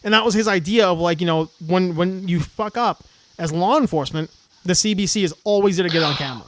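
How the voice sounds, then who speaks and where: Middle-aged male co-host, high voice, dry close mic, animated storyteller. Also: quick pace, no echo. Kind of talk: casual podcast chat.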